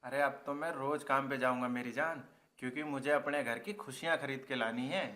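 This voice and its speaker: एक युवा आदमी जो मेहनती बने गाँव के प्रधान के बेटे का किरदार निभा रहा है, हरियाणवी लहजे में सच्चे दिल से बोलता है।. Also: male voice, mid-range voice, fairly even intonation, a little fast, pushed and bright, natural voice. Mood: tender. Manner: earnest, heartfelt. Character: reformed young village man, earnest and devoted. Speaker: headman's son, laborer. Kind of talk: rural comedy film acting.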